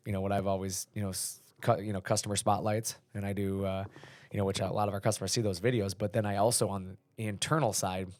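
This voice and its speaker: A man in his thirties hosts a casual business podcast, rambling along in a relaxed way with plenty of fillers. His voice sits low and he talks quickly. The sound is dry and close. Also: dry recording. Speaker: podcast host, company leader.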